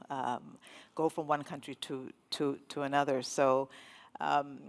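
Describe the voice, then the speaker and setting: A woman's voice: low voice, gravelly. A woman from Zambia speaking on a panel, earnest and sometimes searching for words. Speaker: diplomat on a panel. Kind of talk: panel discussion.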